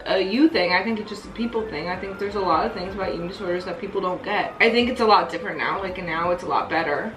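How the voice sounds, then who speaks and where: A woman's voice: medium pitch, fairly bright tone. Chatty young woman, echoey room. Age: young adult. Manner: chatty, full of "like" fillers, giggly. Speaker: vlogger hosting Q&A. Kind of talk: casual chat. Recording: echoey room with faint music.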